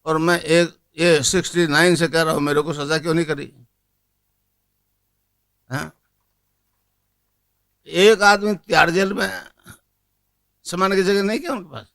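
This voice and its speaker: A man in his eighties giving a folksy spiritual discourse as a guru, speaking, asking rhetorical questions and chanting a mantra slowly. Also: a little high, fairly even intonation, vocal fry, fairly bright tone. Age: 80s.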